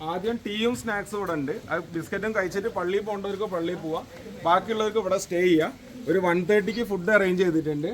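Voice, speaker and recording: A man's voice: sits high, noisy background. A man with a Kerala Malayalam accent informally welcoming and briefing a group as organiser, mixing many English words into Malayalam. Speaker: event organiser.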